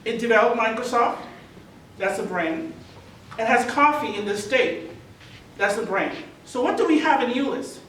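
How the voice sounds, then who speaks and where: Man speaking, high and echoey. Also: animated, normal speed, a bit bright. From Tonga. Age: 50s. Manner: earnest, repetitive rhetorical questions. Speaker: mayoral candidate. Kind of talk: candidate forum speech. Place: large meeting hall. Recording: echoey hall from far off, faint noise.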